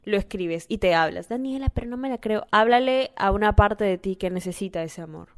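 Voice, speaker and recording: Woman hosting her solo podcast, casual and affectionate, gets excited fast. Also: mid-range voice. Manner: gushing, affectionate, easily excited. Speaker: podcast host.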